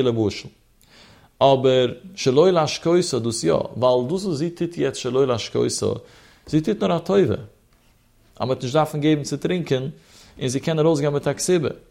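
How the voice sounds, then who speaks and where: A man's voice: on the high side, a little mellow. A man teaching a Talmud lesson in the traditional study-hall way, his voice rising and dropping in a sing-song chant as he asks and answers his own questions.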